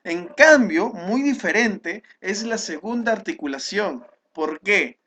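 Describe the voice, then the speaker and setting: Male teacher, high-pitched, patient explainer, recorded class lesson. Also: expressive, slow, pushed and bright, slight background noise. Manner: explanatory, with frequent checking "¿ya?" and restarts.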